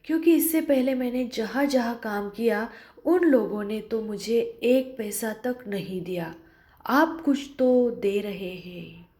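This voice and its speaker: A woman teacher reading the part of a timid young governess who answers softly in a trembling, fearful voice. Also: mid-range voice, steady tone, normal speed, hardly any pauses, natural voice. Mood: frightened. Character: timid young female governess, frightened and meek. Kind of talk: reading a one-act play aloud.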